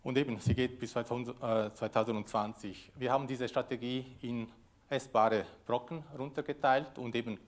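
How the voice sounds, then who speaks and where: With a steady, mid-range voice at a moderate pace, a Swiss conference speaker whose native tongue is Italian presents to a lecture room audience via a lectern microphone. The delivery is loose and halting, packed with fillers.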